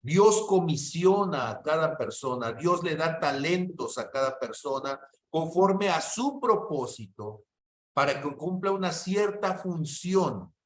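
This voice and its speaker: A middle-aged man teaches a Bible class, telling stories in a lively way. His voice sits high for a man. The room is echoey. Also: takes it slowly. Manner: animated storyteller, keeps checking in with "¿sí?". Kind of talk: teaching a church class with storytelling.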